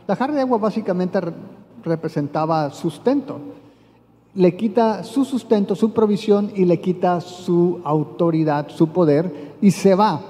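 Guy preaching a sermon, kinda high voice, lots of reverb like a big church hall. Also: warm tone. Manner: retells scripture, voicing quotes with rising emphasis.

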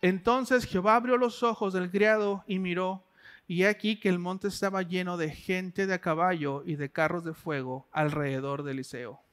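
A man's voice: sits high, steady tone, moderate pace, a bit bright, clear, resonant tone. A man preaching a sermon in a conversational way, asking the listener direct questions.

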